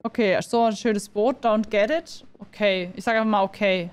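A woman's voice: mid-range voice, fairly even intonation, normal speed, clear, resonant tone. Chatty woman playing a game. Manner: chatty, translating lines aloud, giggly. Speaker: gaming streamer. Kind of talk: casual game commentary.

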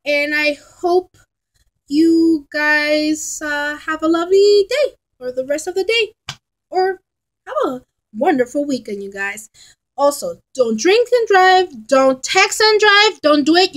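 Thirty-year-old woman, fairly high voice, chatty rambling vlogger at a close laptop webcam in a bedroom. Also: expressive, unhurried, poor audio. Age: 30s. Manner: rambling, chatty, frank and exasperated. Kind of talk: casual rambling vlog. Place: bedroom at home, indoors. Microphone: laptop webcam at close range.

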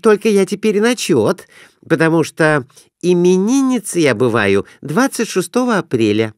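A man voicing an excitable young married woman who is gambling, with high squealing exclamations. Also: moderate pace, dry recording, clean studio sound. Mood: excited.

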